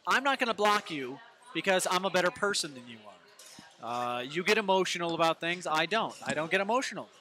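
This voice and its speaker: A man's voice: sits high, lively intonation, brisk, bright, forceful tone. A young man co-hosting a live football watch party in a bar, with casual commentary and cocky, teasing banter. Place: in a bar or brewery.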